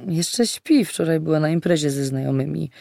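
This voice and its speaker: A sleepy young woman caught off guard, answering in short, hesitant replies, as an audiobook reader voices her. The voice is gravelly, recorded close and dry. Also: medium pitch, normal speed, dark tone, no room sound, natural voice. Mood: startled. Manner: hesitant, surprised.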